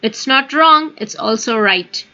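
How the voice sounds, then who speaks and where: High-voiced Indian English teacher. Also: female voice, lively intonation, takes it slowly, bright, forceful tone, dull audio. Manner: explanatory, emphatic, often addresses listeners directly. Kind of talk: spoken English lesson.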